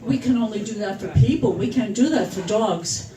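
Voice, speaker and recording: A woman's voice: mid-range voice, moderate pace, crowd noise, lightly acted. An older woman voicing an apologetic male village priest in a joke. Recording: echoey room, far from the mic.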